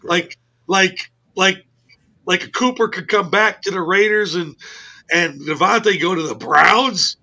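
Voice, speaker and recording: High, bright-voiced man hosting sports radio. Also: unhurried. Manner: animated, profane storyteller. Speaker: host. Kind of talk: casual sports radio chat. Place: radio studio.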